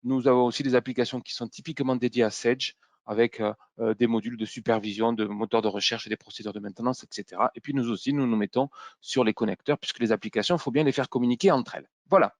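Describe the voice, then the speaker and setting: A man from Toulouse with a Toulouse accent, presenting software in a webinar with many fillers and restarts. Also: mid-range voice, fairly even intonation, fast, no echo. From Toulouse, south-west France. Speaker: consultant trainer presenting software.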